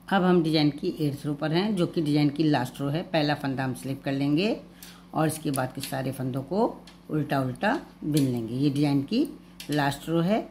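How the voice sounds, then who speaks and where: A woman with a Hindi accent explains a knitting pattern stitch by stitch in a patient, unhurried way. Her voice sits low and warm, never sharp. A faint hiss of background noise stays underneath her words. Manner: calm, patient, repeats each step slowly. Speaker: knitting teacher. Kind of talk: step-by-step knitting tutorial.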